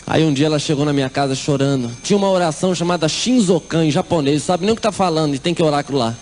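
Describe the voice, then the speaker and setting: Animated Brazilian man telling his testimony. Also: fairly high pitch, very fast, slight background noise. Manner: animated, acts out the people in his story. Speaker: testimony speaker. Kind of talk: comic church testimony storytelling.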